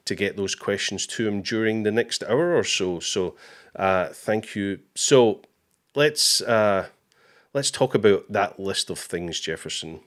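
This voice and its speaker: This is the host of a live interview show, a man whose voice sits very low and deep. He keeps things casual, greeting people and reading viewer comments aloud, dropping easygoing "uh"s and "um"s in between.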